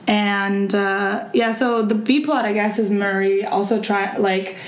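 A woman's voice: mid-range voice, fairly even intonation, a little slow. A woman co-hosting a podcast in a bubbly, rambling, joking chat. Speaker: podcast co-host. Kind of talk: casual chat. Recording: roomy echo.

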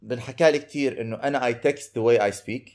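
A man's voice: mid-range voice, fairly quick, darkish tone. A man with a Levantine Arabic accent chatting casually in a mix of Arabic and English, talkative and often repeating and rephrasing himself.

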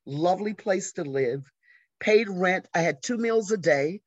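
Guesting on an interview, this arts educator in her sixties from the American South spins conversational stories and performs the voices she quotes. She has a fairly low pitch and a measured pace, with no echo, captured in dry, slightly dull lo-fi audio.

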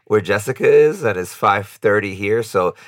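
Deep-voiced man hosting a podcast. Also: animated, moderate pace, no echo, clean studio sound. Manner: friendly, laughs often, repeats words when starting questions. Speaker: podcast host. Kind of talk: casual interview.

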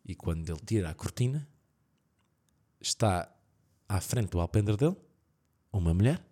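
His lowish, husky voice moves at a moderate pace as he shares creepy stories on a podcast, carrying a European Portuguese accent. Casual yet animated, he acts out the story's voices with shouts and laughs frequently.

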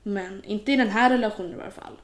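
Young woman guest, casual and animated, recorded in a roomy space. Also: medium pitch. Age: young adult. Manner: animated, quotes people in lively voices. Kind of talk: casual conversation. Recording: roomy echo.

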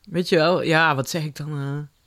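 A man's voice: fairly high pitch, fairly even intonation, normal speed, fairly bright tone. A middle-aged man, chatting casually and telling anecdotes in a rambling, self-interrupting way. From Limburg, Netherlands. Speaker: podcast guest. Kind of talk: casual chat.

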